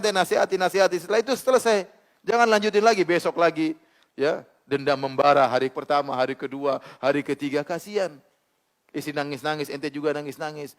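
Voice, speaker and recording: A man giving an informal Islamic sermon, swinging from quiet asides to loud, animated exclamations. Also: on the high side. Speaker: Islamic preacher.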